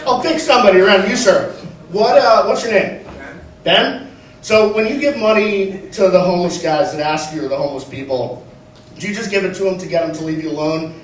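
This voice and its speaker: High-voiced man doing stand-up in a roomy club. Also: fairly quick, far from the mic, a little hiss or hum. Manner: chatty, self-mocking. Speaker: stand-up comedian. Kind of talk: stand-up set. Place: comedy theater. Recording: roomy club recorded from afar. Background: audience laughter.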